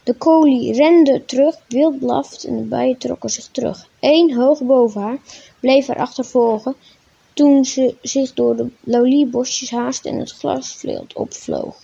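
Woman reading a children's story, husky voice. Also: high-pitched, fairly even intonation, measured pace, warm tone, dull audio.

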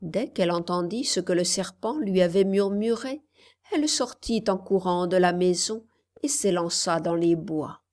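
A woman reading a folk tale aloud as an audiobook narrator, measured and expressive. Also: on the low side. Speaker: audiobook reader. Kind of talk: scripted storybook narration.

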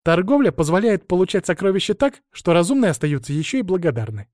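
A male audiobook reader voicing a blunt, proud young girl dragon, raised well above his own pitch. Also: sing-song, fast talker, a little mellow, dry recording, clean studio sound.

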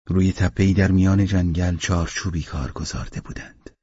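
A man narrating a literary audiobook in a calm, measured reading voice with a husky tone. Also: sits low, no room sound, lo-fi sound.

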